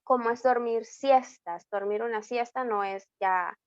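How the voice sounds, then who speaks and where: Slow, patient Salvadoran woman teacher. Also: on the high side, dry recording. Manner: slow, explaining step by step, mixing Spanish and English; checks in with a frequent "¿ok?". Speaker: English teacher. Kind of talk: online tutoring lesson. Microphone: computer mic in an online class. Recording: dull, lo-fi online class audio.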